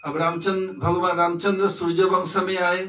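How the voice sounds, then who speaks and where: A man preacher telling a devotional story in a lively, animated sermon. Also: sits high, normal speed. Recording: echoey hall, distant mic.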